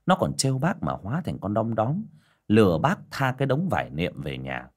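Husky male storyteller, very lively pitch, dramatic ghost tale. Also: moderate pace. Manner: expressive, swooping delivery.

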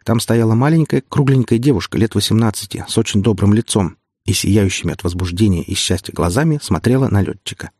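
Low, husky male audiobook narrator. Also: fairly quick, a little mellow, no room sound, studio quality. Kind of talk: scripted narration.

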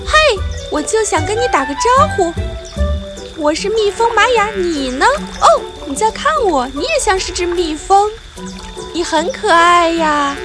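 A woman voicing a naive, excitable little girl honeybee with a cute childlike cartoon bee voice in a children's story. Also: extremely high pitch, unhurried, loud music behind the voice, voice pushed up. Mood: curious, delighted. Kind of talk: children's audio story character acting.

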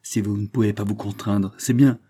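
A man reading an audiobook, voicing a resolute old grandfather who reasons in a measured, firm way. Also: lowish voice, steady tone, dark tone, slightly rough. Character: grave, resolute grandfather, protective and calm.

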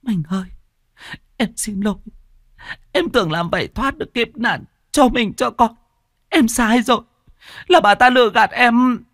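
A man's voice: very high voice, a little slow, long pauses, fairly bright tone, no echo, clean studio sound, heavily acted. A man voicing a distraught, remorseful middle-aged wife who pleads and stammers in an audio storybook.

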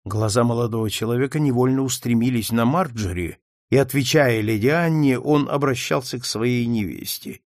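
A man reading a novel aloud as narrator in an expressive, dramatic way. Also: medium pitch, moderate pace, no room sound, clean studio sound. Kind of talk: audiobook reading.

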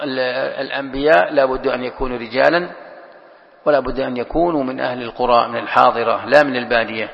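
A man leads a classroom scripture lesson, working through each verse by repeating and explaining it. His voice is gravelly and mid-pitched. It carries a long reverb from a large hall, and the recording sounds dull and lo-fi. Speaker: sheikh teaching Quran commentary.

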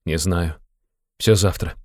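Brief: male reader voicing a gloomy young man, low and clipped, sullen and abrupt. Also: fairly even intonation, takes it slowly, dry recording, studio quality.

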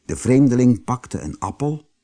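A man reading a fairy tale audiobook as narrator, slow and very expressive. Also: medium pitch.

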